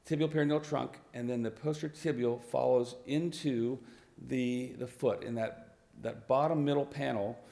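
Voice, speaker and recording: A man with a raspy, hoarse voice giving a medical lecture on slides, pausing often with fillers and restarts. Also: mid-range voice, darkish tone. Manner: halting, with many fillers and restarts. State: hoarse, clearing his throat. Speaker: vascular physician presenting at a conference.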